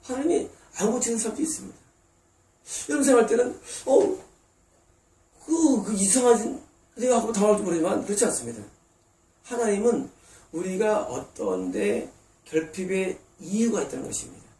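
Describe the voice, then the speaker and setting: Brisk and warm, a man's high voice swings widely in pitch as he preaches a sermon in a church sanctuary. The pastor is emphatic, slipping into short quoted asides as God and his congregants, and the recording sounds roomy and distant.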